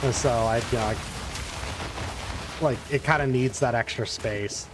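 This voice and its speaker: A man's voice: mid-range voice, a little slow, background noise. A man live-streaming a game, chatting casually and rambling as he answers viewers' questions. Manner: rambling, talks around answers to chat questions. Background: game music.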